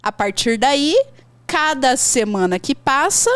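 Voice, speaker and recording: A Brazilian woman teacher talks in a high, bright register, lively and chatty, giving advice in a podcast conversation. She slips into playful imitations of worried learners. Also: slow, clear, resonant tone, no echo. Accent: Brazilian Portuguese. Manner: animated, acts out learners' complaints in a high voice. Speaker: English teacher.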